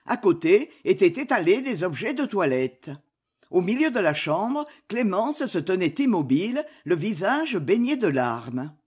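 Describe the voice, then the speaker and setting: Husky woman narrating a novel. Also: medium pitch, very animated, measured pace, a little mellow. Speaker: audiobook reader.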